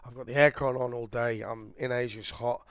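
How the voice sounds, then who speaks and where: A man with a croaky voice, talking casually and rambling while he walks through charts on a live trading stream. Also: medium pitch, fairly even intonation, fairly quick, no echo. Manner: chatty, rambling, thinking aloud. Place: indoors, air-conditioned room.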